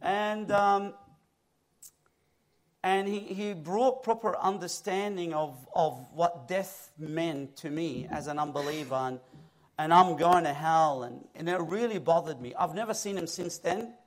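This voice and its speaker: A man from Egypt, a guest preacher, giving his personal testimony on a church stage into his own mic, telling it with lively, self-mocking humor. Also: fairly high pitch, measured pace.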